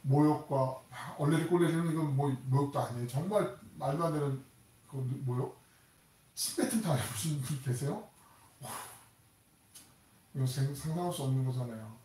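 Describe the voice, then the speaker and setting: An older man from Korea preaching a Sunday sermon as pastor, animated and dramatic, acting out prayers and voices as he speaks. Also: normal speed, long pauses, a little hiss or hum. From South Korea. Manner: animated, acts out quoted prayers and taunts with rising pitch and force. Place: church sanctuary. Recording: echoey church hall, voice from a distance.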